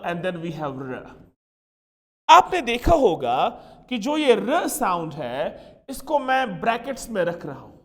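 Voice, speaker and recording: A man teaching English gives a short pronunciation lesson in class, his voice high and energetic as it echoes around the room. He says each word slowly and repeatedly for practice, mixing Hindi with English.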